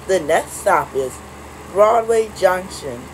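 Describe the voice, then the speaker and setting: A woman making recorded subway train announcements, stop by stop in a flat, measured announcer delivery. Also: fairly low pitch, slight background noise, poor audio.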